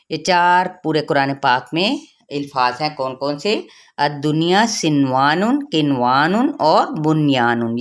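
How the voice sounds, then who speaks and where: A woman with an Urdu accent teaching Quran pronunciation rules, reciting words slowly and then explaining each rule. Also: low voice. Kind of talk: tajweed lesson with slow recitation.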